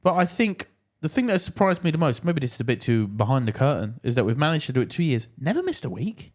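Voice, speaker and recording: A man's voice: mid-range voice, fast. A man co-hosting a music podcast, chatting casually and joking a lot. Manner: joking, animated, laughs often. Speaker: podcast co-host. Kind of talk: casual banter.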